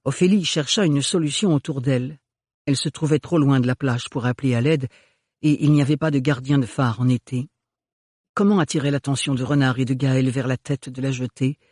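Husky-voiced man reading a novel. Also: mid-range voice, steady tone, brisk, a little mellow, no echo, clean studio sound. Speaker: audiobook narrator. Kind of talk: scripted narration.

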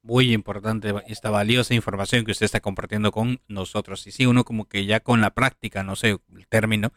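A man's voice: lowish voice, fairly even intonation, a little fast, no echo, clean studio sound. A man hosting a radio interview, rambling a bit as he shares thoughts with his guest. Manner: rambling, many fillers and restarts. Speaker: radio show host. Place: online radio studio.

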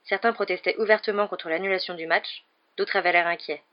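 A woman reads an audiobook at a steady, measured pace, her voice set somewhat low. The recording sounds dull and lo-fi, with little sparkle in the top end. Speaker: audiobook reader. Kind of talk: audiobook narration.

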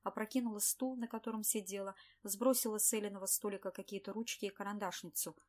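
Woman, audiobook narration, steady, lightly ironic, mid pitch. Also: quick pace.

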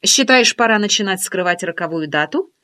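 A woman voicing a brash, talkative female friend who teases and scolds in a lively, bossy way, in an audiobook. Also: mid-range voice, brisk. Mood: teasing. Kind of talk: audiobook character voice.

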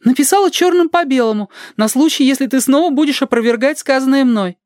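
The reader voices a stiff, pedantic young woman with a creaky, grating voice who lectures in a formal tone, as in an audiobook. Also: high-pitched, quick pace, a little mellow, no room sound, studio quality, voice pushed up, lightly acted. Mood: insistent.

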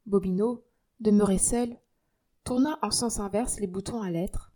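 A woman reading a nineteenth-century novel aloud in a measured, dramatic way. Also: mid-range voice, warm tone. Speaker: audiobook reader.

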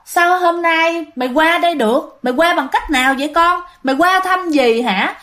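A woman's voice: extremely high pitch, normal speed, bright, forceful tone, voice pushed up. A woman voicing a startled, bewildered middle-aged aunt. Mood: surprised.

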